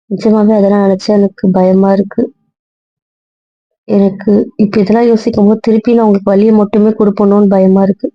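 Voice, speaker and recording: A woman's voice: medium pitch, no echo, lightly acted. Woman playing a pleading anxious young wife. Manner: pleading, repeating apologies. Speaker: wife in couple role-play. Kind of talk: Tamil audio drama role-play. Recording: dull lo-fi recording, dry.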